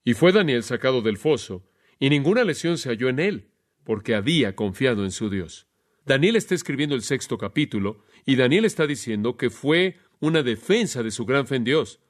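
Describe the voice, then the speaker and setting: A man's voice: mid-range voice, lively intonation, moderate pace. A man preaching an expository sermon, asking the listeners rhetorical questions and acting out quoted voices.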